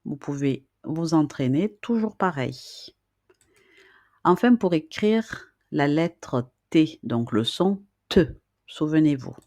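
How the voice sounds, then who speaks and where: This reading and writing teacher uses a deep, animated, slightly mellow voice at a slow pace for her patient beginner lesson. She repeats each question and checks in with the listener, and the recording has no echo.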